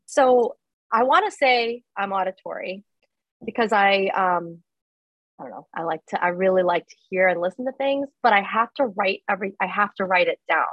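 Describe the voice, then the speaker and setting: A woman's voice: medium pitch, animated, normal speed, a bit bright, no echo, lo-fi sound. A woman in a workshop asking a hesitant, unsure question. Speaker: workshop participant.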